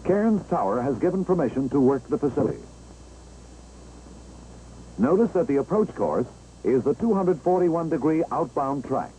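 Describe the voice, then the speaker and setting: In the manner of an old 1960s training film, an American man narrates with a mellow, easygoing tone. He walks through each step at a measured pace while his pitch moves in a lively way. A faint engine-like noise hums behind him on the aged, roughly recorded soundtrack.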